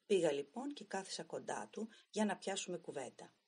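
A woman narrates an audiobook story in a calm, measured tone. Her voice sits low and is deeply husky. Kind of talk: scripted narration of a short story.

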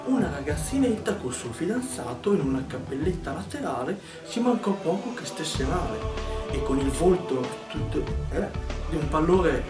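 A man reciting a comic rhyming poem with a theatrical delivery, recorded from afar in an echoey pizzeria over loud music. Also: on the high side, big pitch swings, moderate pace, distant mic. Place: restaurant pizzeria.

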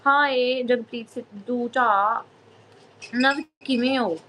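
Woman, live-stream host, fairly high voice, chatty, repeats herself, phone mic, faint noise behind. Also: slow pace, pushed and bright, low-quality recording. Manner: chatty, greets viewers by name, repeats phrases. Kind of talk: casual live-stream chat with viewers.

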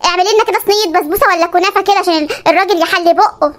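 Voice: very high voice, racing. A performer voicing a bossy, self-pitying Egyptian mother and newly remarried bride in a comedy cartoon, with a sped-up voice effect. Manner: scolding, self-pitying nagging.

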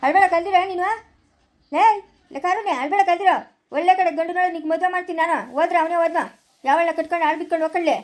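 A hot-tempered village elder, played by a woman, fires off threats at great speed. The voice is high and never lets up in this family drama. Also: fairly even intonation. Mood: consoling. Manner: furious, threatening, rapid-fire. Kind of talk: amateur village drama acting.

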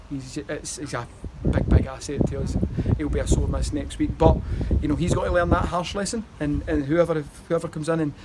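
It's very noisy where this Scottish football manager in his thirties stands, outdoors by a stadium wall, giving a post-match interview. His slightly high voice moves in rambling runs, with fillers and restarts.

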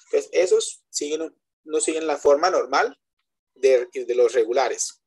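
Male English teacher, web lecture, husky tone, patient step-by-step explainer, switches between Spanish and English examples. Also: a little high, measured pace, darkish tone. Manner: explains step by step, keeps checking with students. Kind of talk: online class lecture. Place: web conference.

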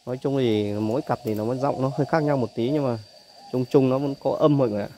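Holding his phone as he films, a man who breeds and sells doves walks through the cages of his bird aviary, chatting casually and dropping the tag "đấy" between points. He has a mid-range voice, the recording is rough, and the doves coo loudly throughout, making the bird noise heavy.

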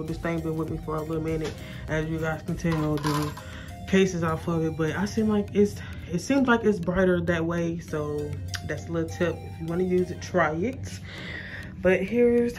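A young woman shows off her small salon suite, filming on a handheld phone as she goes. She talks in a casual, chatty way, calling the viewers y'all, in a slightly low voice. Music plays clearly behind her. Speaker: salon suite owner and braider. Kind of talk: casual walkthrough tour. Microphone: handheld phone camera.

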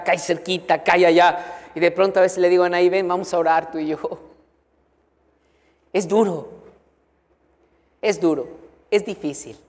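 A male pastor preaching to a university audience, mixing prayer with humorous storytelling. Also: high voice. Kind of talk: sermon. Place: university auditorium. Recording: long hall reverb, auditorium.

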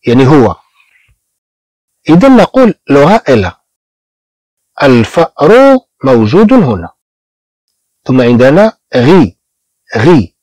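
A man from Morocco who teaches beginners French. He repeats each word slowly and explains it in Moroccan-accented Arabic. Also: medium pitch, a little mellow, dry recording, poor audio. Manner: slow repetition of words, explaining in Arabic.

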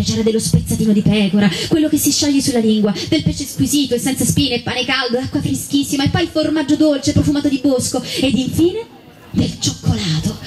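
A woman with an Italian accent reading a children's story aloud, gently and unhurried, with small slips. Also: high voice.

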